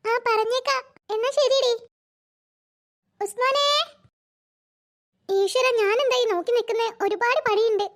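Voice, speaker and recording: Brief: a woman playing a bustling cartoon mum, very high-voiced, quick to scold. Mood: chatty. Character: busy scolding mother of three. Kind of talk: cartoon voice acting.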